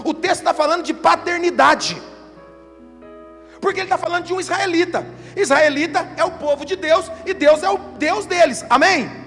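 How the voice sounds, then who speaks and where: A man's voice: extremely high pitch, moderate pace, fairly bright tone. A male pastor, preaching an emphatic sermon at a church service, asking rhetorical questions and acting out quotes. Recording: reverberant church hall with music behind.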